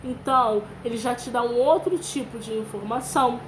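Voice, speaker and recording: A woman's voice: on the high side, moderate pace, noisy background. A woman with a Brazilian Portuguese accent teaching young children, reading aloud and sounding out syllables patiently. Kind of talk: children's lesson with read-aloud.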